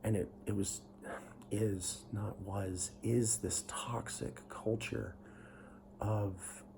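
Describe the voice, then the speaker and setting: Gravelly low-voiced man venting bluntly. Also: steady tone, extremely slow, noisy background. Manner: blunt and profane, heated at times. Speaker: vlogger. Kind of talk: candid personal monologue.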